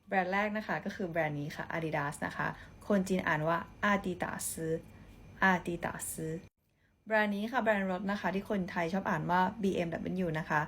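A young woman hosting a short lesson, politely teaching brand names and repeating each one clearly for learners. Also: fairly low pitch, fast talker, few pauses, a little hiss or hum. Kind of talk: short explainer video, polite and upbeat.

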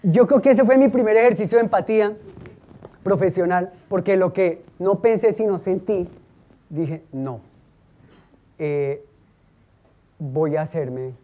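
A man's voice: sits high, measured pace, pauses often. A middle-aged man, a law school dean, giving a lecture full of anecdotes and acting out the voices of the people in his stories. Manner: lively storyteller who acts out the voices in his anecdotes.

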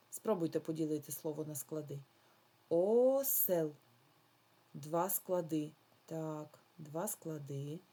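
Female teacher for a recorded remote kids' lesson. Patient, draws words out, dark and slightly breathy tone. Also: low voice. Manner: slow, patient, drawn-out words for children. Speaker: primary school teacher. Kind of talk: remote lesson for young children.

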